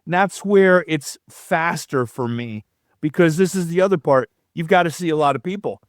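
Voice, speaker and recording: Middle-aged male guest, lively explainer, clear smooth voice, fairly high for a man, dry close sound. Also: moderate pace, dry recording. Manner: animated, explanatory, demonstrative. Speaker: chiropractor guest. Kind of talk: podcast interview answers.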